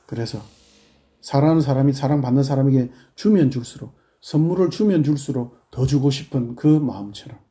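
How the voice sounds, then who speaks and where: A male pastor with a Busan accent preaching a sermon, swinging from hushed prayerful murmurs to loud scolding questions. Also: mid-range voice, fairly quick. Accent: Busan Gyeongsang Korean.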